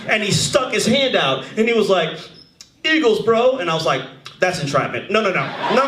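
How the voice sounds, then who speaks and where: Animated man in his thirties, comedy club. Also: sits high. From United States. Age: 30s. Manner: animated, shouting punchlines. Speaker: stand-up comedian. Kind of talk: stand-up comedy set. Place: comedy club stage before a live audience. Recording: roomy club with crowd laughter. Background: audience laughing.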